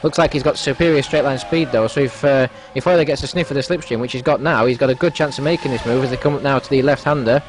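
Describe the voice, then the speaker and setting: Quick-talking male motorsport commentator. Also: mid-range voice. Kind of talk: live race commentary.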